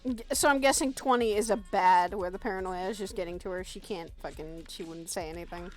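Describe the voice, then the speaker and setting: A woman chatting casually with a friend during a roleplay game, reassuring and quick to laugh. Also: medium pitch, faint music behind, poor audio. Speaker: fellow roleplayer. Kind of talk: casual gaming chat.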